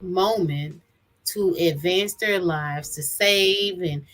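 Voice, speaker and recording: A woman's voice: on the low side, slow, fairly bright tone, faint music behind. A woman in casual conversation, laying out an opinionated argument step by step as a co-host. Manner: opinionated, explains her point step by step. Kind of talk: casual chat.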